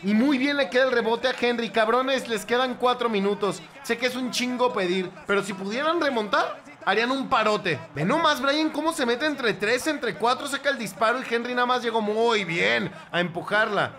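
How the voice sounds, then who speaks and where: A young man with a Mexican accent talks through a live football match for his channel. His voice sits high and bright, with a sharp forward edge. He curses freely and bursts into shouts at the screen. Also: moderate pace. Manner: profane, excitable, shouts at the screen. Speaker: football fan reaction host.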